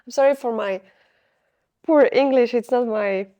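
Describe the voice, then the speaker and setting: A young vlogger with a Polish accent chats casually and unscripted to her camera, her voice a little high, dark in tone and slightly slow. Her talk wanders, with frequent pauses to find words.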